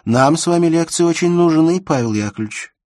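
A man's voice: fairly high pitch, lively intonation, a little fast, a little mellow, no echo, studio quality, pitched above the performer's own voice, natural voice. A man reading aloud voices a serious young woman who asks pointed, cool questions.

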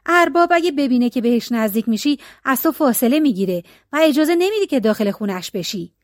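A woman's voice: sits high, lively intonation, no room sound, clean studio sound. A woman reading as scornful village peasants. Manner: scornful, loud and doubting. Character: group of mocking village peasant men.

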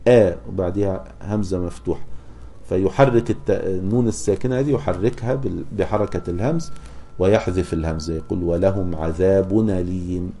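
A man teaching a classical text, pausing to ask rhetorical questions and slowing down to chant verses and examples. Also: low-pitched, warm tone, a little hiss or hum. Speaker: teacher of Quran recitation. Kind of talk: explaining a scholarly text to students.

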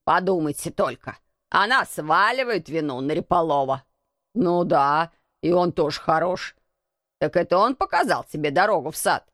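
A woman voicing a gruff old male Yorkshire gardener who speaks in a shaky, muttering way. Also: lowish voice, lively intonation, moderate pace, a bit bright, no echo, clean studio sound. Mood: scolding. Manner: trembling, muttering.

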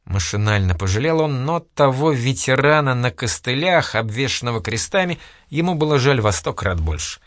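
A man reads a historical novel aloud in an expressive storytelling manner. His voice sits mid-range and the sound is dry and close, with no room. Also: medium pitch, moderate pace, hardly any pauses, no echo. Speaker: audiobook narrator. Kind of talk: expressive literary narration.

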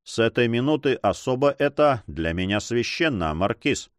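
Man reading a marquis, courteous and cheerful, lively tone. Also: medium pitch, normal speed, dry recording, clean studio sound, natural voice. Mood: gracious. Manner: courteous, gracious. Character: noble marquis, gracious and cheerful.

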